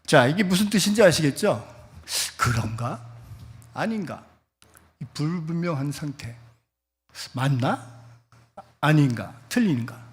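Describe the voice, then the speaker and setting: A man's voice: a little high, lively intonation, a little slow, long pauses. A middle-aged male pastor preaching a Sunday sermon at a church service. He talks in a chatty way and puts questions to the congregation. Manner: leads the congregation in reading scripture aloud.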